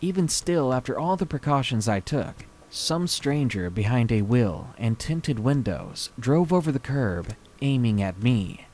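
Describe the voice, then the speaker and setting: A man's voice: medium pitch, expressive, a little mellow, slight background noise. Man reading a scary story dramatically. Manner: slow, dramatic storytelling delivery. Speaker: story reader.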